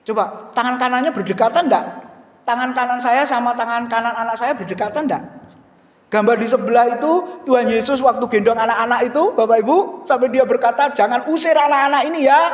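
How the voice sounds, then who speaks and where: Pastor in his 50s, high voice, lively storytelling sermon, big echoey church hall. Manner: lively, storytelling, often addressing the congregation.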